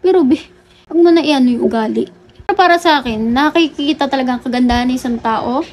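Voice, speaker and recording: Woman vlogger, high-pitched, blunt and preachy, casual to-camera rant, light ambient noise. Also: fast talker, darkish tone. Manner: blunt, lecturing, swears casually.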